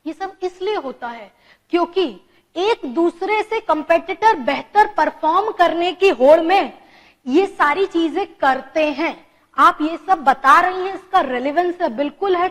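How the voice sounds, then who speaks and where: Woman teacher, very high voice, lecture style, reverberant hall. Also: lively intonation, measured pace. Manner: mixes Hindi and English, rhetorical questions to students.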